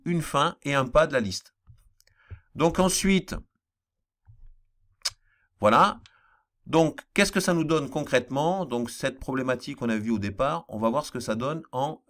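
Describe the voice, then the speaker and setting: A man with a slight accent walks students through a programming lesson at a mid-range pitch. He explains patiently and repeats the important points, with the odd filler between steps. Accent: non-standard accent he apologizes for. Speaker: math teacher. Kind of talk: screen-recorded programming lesson.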